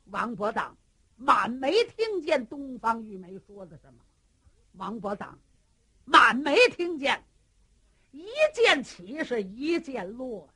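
A woman performing a traditional Chinese storytelling piece, lively and dramatic, acting out every character. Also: on the high side, slow pace, breathy edge.

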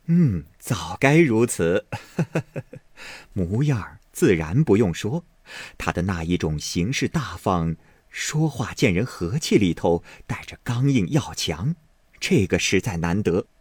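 A man voicing a kindly, approving older aunt in a storybook reading, unhurried. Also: lowish voice, very animated, darkish tone, breathy edge, no room sound, heavily acted.

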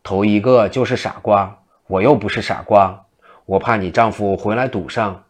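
A man's voice: lowish voice, fairly even intonation, moderate pace, natural voice. A man voicing a playful, eccentric male monk who talks in a teasing, mock-timid way.

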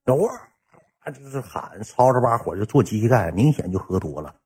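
A man with a Northeastern Mandarin accent telling a comic story in a casual, animated way. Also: brisk, breathy edge. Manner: animated, switches into high voices when quoting others.

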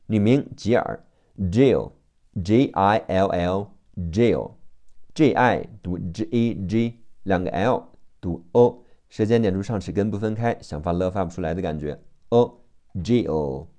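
A man with a Chinese accent teaching English vocabulary through phonics, spelling each word letter by letter and repeating it slowly. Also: sits low, mellow.

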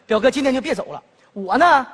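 An exasperated, husky city cousin. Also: male voice, very high voice, expressive, fast, a bit bright, long reverb tail, exaggerated voice. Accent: Northeast Chinese. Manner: exasperated, placating, laughs often. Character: well-off city man, patient younger cousin. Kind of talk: comedy sketch dialogue.

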